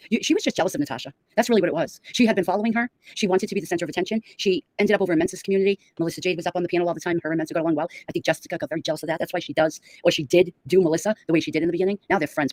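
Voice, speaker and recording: Very fast-talking gossipy woman. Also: on the low side, darkish tone, dry recording. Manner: rapid, gossipy, opinionated. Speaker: host of a gossip livestream. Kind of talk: casual gossip chat.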